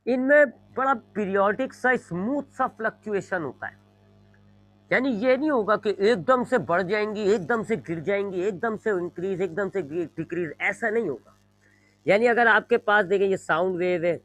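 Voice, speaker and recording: A man's voice: high-pitched, a bit bright, poor audio. A male physics teacher, giving a classroom lecture, explaining with repeated everyday examples and drawing on a board as he talks. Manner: explains with repeated examples, frequent "जी", mixes English terms; draws on a board while talking. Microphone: microphone.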